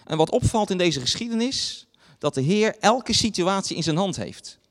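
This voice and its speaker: Male preacher, sermon, high voice, very animated pitch, long hall reverb. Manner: dramatizes quoted voices, pausing with fillers. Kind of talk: sermon retelling a Bible story.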